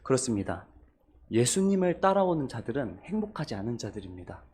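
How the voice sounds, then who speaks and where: A man's voice: medium pitch, sing-song, a little fast, a little mellow, breathy edge. A man preaching a sermon as pastor, asking the congregation questions and rising on repeated refrains.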